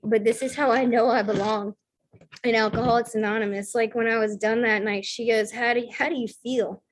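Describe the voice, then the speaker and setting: A Southern woman shares her personal testimony at a recovery meeting, speaking fairly quickly in a highish voice with a steady tone. She's talkative and self-deprecating, her account full of fillers and little acted-out bits of dialogue.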